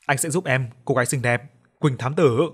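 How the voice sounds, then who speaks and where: A loud, rowdy young militiaman, as a male storyteller puts him on, hotheaded and pushing his voice up and out. He speaks at an everyday pitch for a man. The voice brags and blusters through an audiobook scene. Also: normal speed, slightly rough, lightly acted. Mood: brash.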